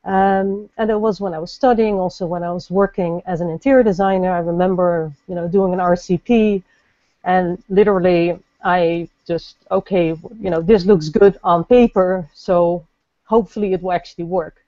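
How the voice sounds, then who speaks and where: A woman from the Netherlands, a guest lighting designer, answering interview questions thoughtfully with many pauses and fillers. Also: fairly low pitch, fairly even intonation, mellow, no echo, muffled recording. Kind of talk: podcast interview.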